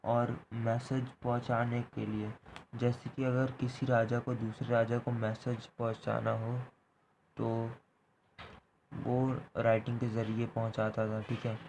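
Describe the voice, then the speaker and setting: A man teaches a history class step by step, repeating his points and ending phrases with "theek hai" to check in. His mid-range voice has little pitch movement and a measured pace, with background noise present.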